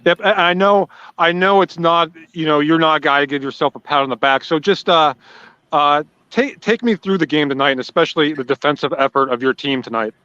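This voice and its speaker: Guy interviewing a coach over a clipped lo-fi call, kinda high bright voice, dry. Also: a little fast, smooth, dry recording. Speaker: sports interviewer. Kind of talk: post-game coach interview. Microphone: online call.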